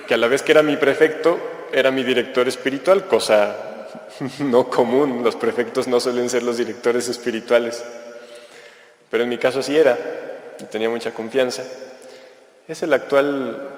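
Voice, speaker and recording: A man giving a conversational sermon, explaining religious readings in a relaxed, storytelling way. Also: mid-range voice. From Mexico. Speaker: preacher. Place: large church. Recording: echoey church with long reverb.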